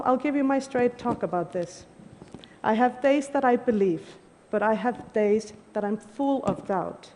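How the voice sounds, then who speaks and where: An Icelandic conference speaker in her 40s gives an earnest, emphatic prepared talk on stage. Her fairly high voice is mellow. The recording carries long hall reverb and a little hiss or hum.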